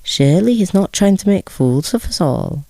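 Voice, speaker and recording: A woman voicing a calm, suspicious male office clerk in a storybook reading, asking cold, doubting questions. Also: on the low side, moderate pace, vocal fry, dry recording, clean studio sound, pitched above the performer's own voice. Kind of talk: storybook read-aloud.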